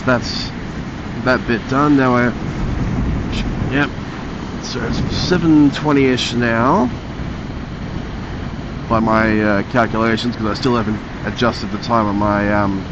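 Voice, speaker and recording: A man's voice: medium pitch, fairly even intonation, slow, pauses often. A man chatting casually to himself as he rides, rambling and muttering, his voice muffled inside a motorcycle helmet. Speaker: motovlogger. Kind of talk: casual vlog chat while riding a motorbike. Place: inside a motorcycle helmet, riding outdoors on roads. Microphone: helmet-mounted mic close to the mouth. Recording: muffled helmet mic, faint vehicle noise.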